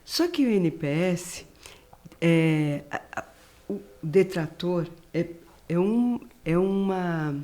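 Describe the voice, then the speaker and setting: A woman from Brazil hosts a business podcast and talks slowly, often pausing to find the right word. Her voice is warm and mellow rather than bright. She agrees readily with her guest. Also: lowish voice, lively intonation. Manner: hesitant, searching for words, agreeing. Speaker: podcast host. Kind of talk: conversational podcast interview.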